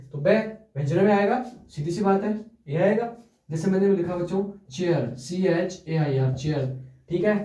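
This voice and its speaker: A man teaching a grammar lesson in a classroom style, quizzing his students and then answering his own questions. His voice is mellow and sits a little high for a man. It sounds roomy and set back from the mic. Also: distant mic. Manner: repeats questions to students and answers them himself. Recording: echoey room, voice from off the mic.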